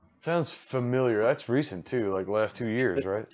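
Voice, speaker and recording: A middle-aged man co-hosting a casual podcast chat, blunt and animated, swearing casually. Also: mid-range voice, measured pace, lo-fi sound. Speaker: podcast co-host.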